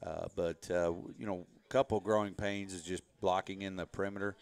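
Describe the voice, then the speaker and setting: A man speaking as a head football coach in a relaxed interview, rambling a bit as he explains. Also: sits low, fairly quick, creaky, dry recording. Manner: relaxed, rambling, frequent "you know" fillers. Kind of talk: casual interview talk.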